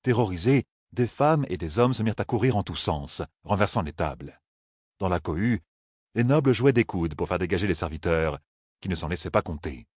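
A low-pitched man narrating a fantasy audiobook with a lively, varied delivery. His voice is husky, and the recording is dry and close. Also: moderate pace, dry recording. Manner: lively, expressive reading.

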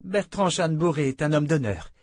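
A man's voice: a little high, lively intonation, moderate pace, dry recording, clean studio sound, pitched above the performer's own voice. A man voicing a timid, shaken young noblewoman who speaks politely and a little strained. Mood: nervous politeness.

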